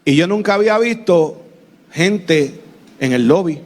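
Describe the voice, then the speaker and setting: A man preaching his testimony as a pastor, with a Puerto Rican accent, growing fervent and breaking into shouts. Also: sits high, lively intonation, measured pace. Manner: addresses listeners as "mi amado" and "iglesia".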